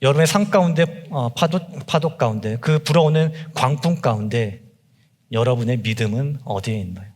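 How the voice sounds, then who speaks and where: A man's voice: normal speed, darkish tone. Young man preaching in an echoing church. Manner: emphatic preaching, rising to impassioned cries then dropping low. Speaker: junior pastor. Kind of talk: sermon. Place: church sanctuary.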